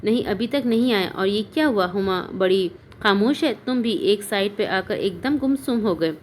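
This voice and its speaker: A woman voicing a middle-aged uncle and father who talks in a reassuring, gently teasing way. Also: mid-range voice, moderate pace, a little hiss or hum, lightly acted.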